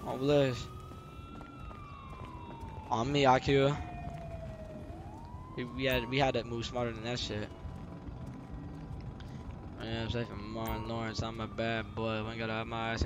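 This streamer, a man with a mid-range voice, talks at a moderate pace with little pitch movement and pauses often. He chats casually and role-plays with friends in slangy, sweary talk over noisy game audio full of vehicle sounds.

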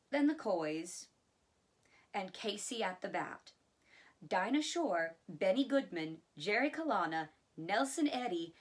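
A woman reads a biography aloud at an easy pace, now and then adding casual asides of her own. Her voice sits at a medium pitch. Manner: relaxed, with chatty asides. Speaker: audiobook reader.

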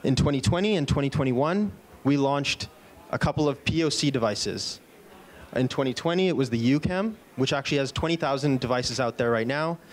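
On an indoor conference stage in a big event room, a man in his thirties delivers a product keynote through a handheld mic. He sounds upbeat at a medium pitch, talking a little fast, with occasional fillers and restarts.

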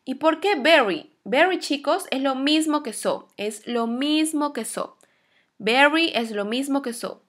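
High-voiced teacher, patient and slow. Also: female voice, lively intonation, a bit bright. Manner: patient, repeats model words slowly for the class. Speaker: English teacher. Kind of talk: slow classroom English lesson.

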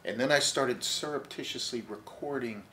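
An older man with a laid-back, wry way of talking, sitting in an armchair in a bookstore and speaking into a lapel mic. He is an author and long-haul trucker, and his stories often trail off quieter. A faint noise sits under the voice. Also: mid-range voice, normal speed, rough recording. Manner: wry, easygoing, drifts quieter as he goes on. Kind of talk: casual interview storytelling.

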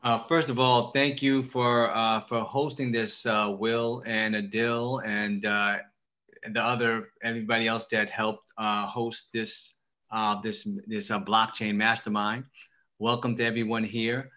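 A middle-aged man with a Queens, New York accent, speaking as a legislator on a group call in a halting way, repeating phrases and posing questions. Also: on the low side, flat delivery, sharp tone. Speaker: state legislator, guest speaker. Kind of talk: prepared remarks on a group call. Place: indoor room at home, on a video call.

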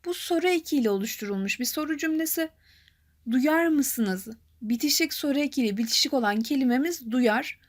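Young woman, high voice, teacher, calm clear explaining, slow careful reading. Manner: clear, measured explaining, reads poem lines slowly. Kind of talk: Turkish grammar lesson, explaining with examples.

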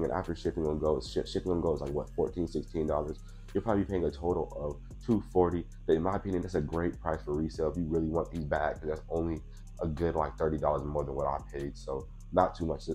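A low-pitched, slightly mellow male voice belongs to a sneaker vlogger in his twenties who sounds a little congested from allergies. He chats casually through an unboxing in a small purple-lit room, using a clip-on mic. His style is relaxed and talkative, with plenty of "you know what I'm saying."

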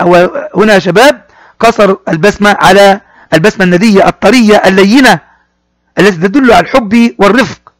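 A man teaching a primary school class, talking straight to the pupils and repeating words slowly as he explains them. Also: high-pitched, no room sound. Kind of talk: classroom lesson explaining a poem.

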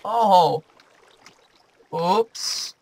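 Man, let's play commentary, slow-paced, jumpy, chats to game monsters. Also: high voice, darkish tone, dry recording. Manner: jumpy, chatty, talks to game creatures. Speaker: gaming video host.

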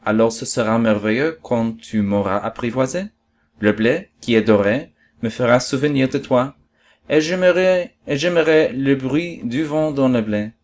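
A wistful male fox as a man reads him speaks with patient earnestness. His pleas are soft and lonely, the voice of a storybook creature. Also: medium pitch, unhurried, close to an everyday voice.

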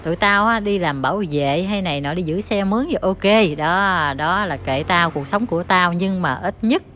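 A woman's voice: lowish voice, normal speed, fairly bright tone, a little hiss or hum. A woman, ranting as an online commentator who talks straight to her viewers in a heated, scornful, insulting tone.

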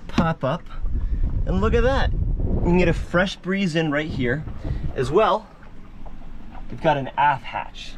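A man's voice: on the high side, slight background noise. Chatty man giving a casual tour. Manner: chatty and upbeat, talks straight to viewers. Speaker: vlog host giving a boat tour. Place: inside a sailboat cabin.

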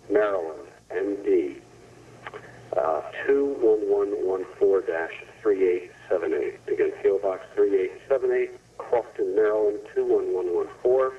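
A man with a fairly low, somewhat husky voice talks into an answering machine over a phone line. He is casual but businesslike, spelling out instructions and going back over details. The sound is thin, distant and muffled, like a 1990s tape. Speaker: caller leaving a phone message. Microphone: telephone line into answering machine.

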